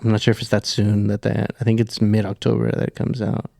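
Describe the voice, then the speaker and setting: Low gravelly fast-talking young man. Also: completely flat delivery, mellow, dry recording, studio quality. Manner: mostly brief agreeing backchannel. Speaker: podcast co-host. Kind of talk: casual chat.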